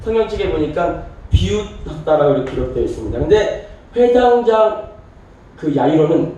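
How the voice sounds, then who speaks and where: High-voiced preacher in an echoey church. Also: male voice, sing-song, normal speed, dark tone, dull audio, a little hiss or hum. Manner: storytelling preacher who voices the people in the story. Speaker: pastor. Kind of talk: sermon. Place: church sanctuary. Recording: very echoey church hall from a distance.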